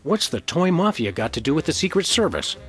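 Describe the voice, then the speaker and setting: An actor playing an earnest, wry male dog detective in a comic cartoon game, with a deadpan manner. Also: on the high side, fairly quick, faint music behind. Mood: wry questioning.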